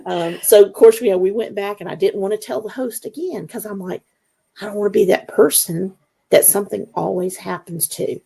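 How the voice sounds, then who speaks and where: A woman guest on an interview show, telling her story in a casual, animated way and acting out the dialogue. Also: medium pitch, a little fast, creaky, breathy edge. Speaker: guest, Bigfoot investigator.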